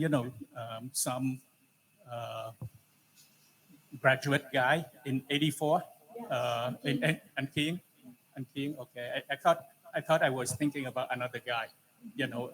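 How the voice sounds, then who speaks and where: Speaking with a Vietnamese accent, a man in his seventies from Vietnam, a tech entrepreneur returning as an alumni speaker, offers an audience an informal introduction and advice. His mid-range voice is a bit bright, and his talk stumbles along with many pauses and repeated "you know"s, recorded in a noisy live event room.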